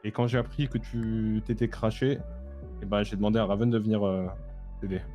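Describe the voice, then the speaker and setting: A man's voice: fairly low pitch, little pitch movement, brisk, mellow, soft background music, natural voice. A man playing a reassuring friend in an improvised online game role-play, talking in slangy, repetitive phrases. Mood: explaining. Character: reassuring male friend driving casualty to hospital.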